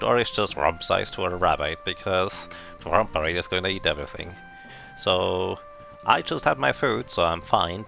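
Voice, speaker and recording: A man's voice: lowish voice, creaky, bright, forceful tone. Man through a tinny tin-can mic. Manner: chatty, thinks aloud while grinding. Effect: tinny tin-can sound from a substitute microphone. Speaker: game streamer. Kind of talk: casual live game-stream commentary. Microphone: substitute microphone.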